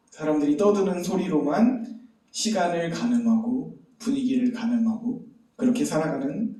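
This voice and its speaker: Preacher, man, warm tone, telling a story to the congregation, mic set back in a very reverberant sanctuary. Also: fairly high pitch. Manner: storytelling with rhetorical questions. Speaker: pastor. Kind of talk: sermon. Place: church sanctuary. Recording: very echoey hall, distant mic.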